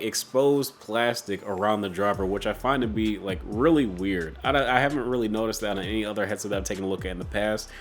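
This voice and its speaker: A man with a sick, stuffy-nosed voice hosting a casual, conversational tech product review. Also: lowish voice. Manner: informal, conversational delivery.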